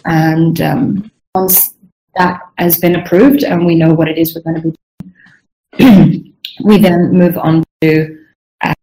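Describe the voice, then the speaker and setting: In a slow, steady, mellow low voice, the young Swedish and Southern African game designer talks through her work in an informal interview, pausing frequently to clear her strained throat. The recording itself is rough.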